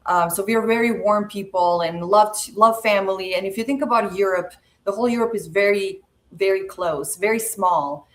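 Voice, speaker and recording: A woman in her forties from Serbia, a podcast guest telling her life story in a measured, reflective way with frequent pauses. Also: medium pitch, a bit bright. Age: 40s. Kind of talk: personal storytelling interview.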